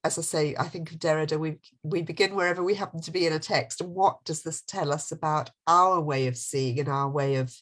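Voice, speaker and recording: A woman's voice: deep voice, fairly quick, hardly any pauses, a bit bright. A woman speaking as guest lecturer in a video-call Q&A, thoughtful and hesitant, often restarting her sentences. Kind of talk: academic Q&A over video call.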